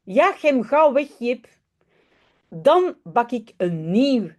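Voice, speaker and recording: A woman voicing a proud, bossy little girl in a children's story, in a bright, insistent storybook voice. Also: on the high side, sing-song, slow, pitched above the performer's own voice. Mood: urgent.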